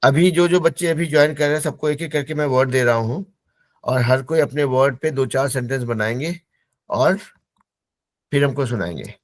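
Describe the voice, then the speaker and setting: Patiently, a male teacher takes his online students through English words, slowly repeating each one as a pronunciation drill. He speaks in a mid-range voice on a dry recording.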